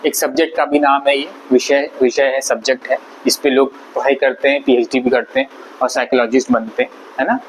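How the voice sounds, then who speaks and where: A man's voice: mid-range voice, flat delivery, a little fast, low-quality recording. A man teaching an English vocabulary lesson, explaining patiently and repeating words syllable by syllable. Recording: faint background noise.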